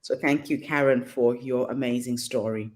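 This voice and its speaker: A woman hosting an online summit, speaking in a brisk, practical and earnest way. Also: rumbling low, fairly even intonation, darkish tone. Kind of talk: casual chat on a video call.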